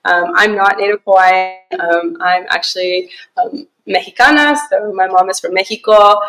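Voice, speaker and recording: A young woman from Alaska giving a casual presentation to a small group, relaxed and chatty with many fillers and easy laughs. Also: medium pitch, poor audio. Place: small conference room.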